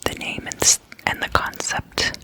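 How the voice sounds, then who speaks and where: This ASMR host whispers the whole time, casually explaining things in brief, careful, hushed bits. The recording quality is low.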